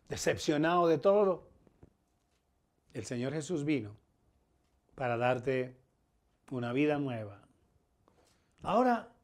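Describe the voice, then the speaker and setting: A middle-aged pastor with a Colombian Spanish accent and a fairly high voice preaches a sermon, growing louder and softer as he drives home his points.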